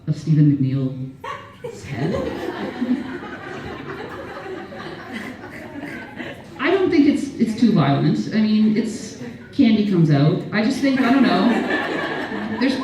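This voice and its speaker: A Canadian woman doing a stand-up set at an event, rambling and self-deprecating, laughing at her own jokes. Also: mid-range voice. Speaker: stand-up comedian. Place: event venue, audience laughter behind. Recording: echoey room from far off.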